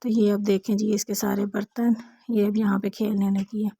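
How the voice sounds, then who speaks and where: A young mother talks straight to her viewers in a relaxed home vlog, her voice mellow and steady. She keeps an even, flat tone, and the sound is dry and close. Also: mid-range voice, moderate pace, vocal fry, breathy edge, no room sound. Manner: chatty, addresses viewers directly. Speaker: vlogger, mother. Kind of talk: casual vlog narration.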